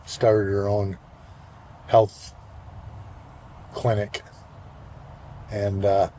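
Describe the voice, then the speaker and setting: A man in his sixties giving a casual vlog check-in outdoors, talking in a relaxed, rambling way with plenty of fillers. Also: on the low side, drawn-out words, a little hiss or hum. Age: 60s. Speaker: vlogger. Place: outdoors, walking and at a golf course.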